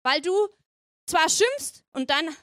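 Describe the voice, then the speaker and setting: A woman's voice: extremely high pitch, big pitch swings, takes it slowly, a bit bright, no echo, studio quality, heavily acted. A woman voicing the prophet Jonah as an indignant, grumbling man who complains to God. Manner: exasperated complaining.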